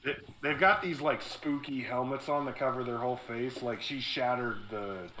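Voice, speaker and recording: A man's voice: mid-range voice, normal speed, pushed and bright, a little hiss or hum, rough recording. A man running a tabletop role-playing game as game master, narrating casually.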